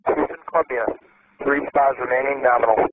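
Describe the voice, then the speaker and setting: A man's voice: mid-range voice, steady tone, a little fast, narrow, tinny audio, slight background noise. A shuttle crew member, a man, giving clipped procedural callouts over a space-to-ground radio link. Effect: space-to-ground radio transmission. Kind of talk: mission radio communication.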